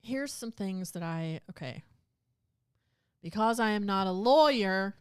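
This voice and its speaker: A woman's voice: mid-range voice, animated, unhurried, clean tone, no room sound, clean studio sound. A woman co-hosting a podcast, chatting casually and retelling a legal case in plain words. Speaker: podcast co-host. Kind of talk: casual chat.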